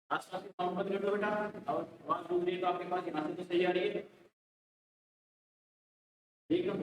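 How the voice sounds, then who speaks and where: A man's voice: high voice, a bit bright. An Indian man teaching a chemistry class online, calling his students beta and checking whether they can hear him. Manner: addresses students as beta, repeats hello mic checks. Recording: echoey distant mic, faint noise.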